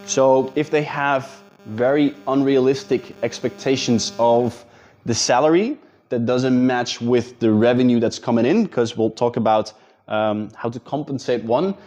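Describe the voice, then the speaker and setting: This business coach, who has a Dutch accent, talks to viewers in an advice video in a casual, straightforward way, calling them guys. His mid-range voice is unhurried and a little mellow, with slight background noise.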